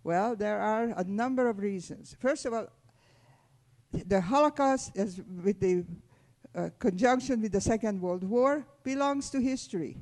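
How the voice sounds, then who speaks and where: A woman in her eighties from Hungary, speaking, gives a measured, deliberate testimony talk to a school audience. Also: medium pitch, a little mellow. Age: 80s. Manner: measured, deliberate, addressing children directly. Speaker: Holocaust survivor speaking to students.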